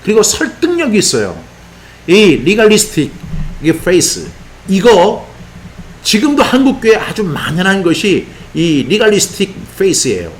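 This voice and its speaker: A man preaching an expository sermon as a pastor, animated and sometimes shouting out rebukes. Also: high voice, normal speed, a little hiss or hum. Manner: animated, voices apostle's rebukes in raised exclamations.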